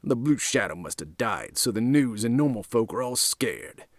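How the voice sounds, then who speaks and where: A man's voice: medium pitch, very animated, moderate pace, no echo, studio quality. A man voicing a scornful know-it-all thug who scoffs bluntly at rumors.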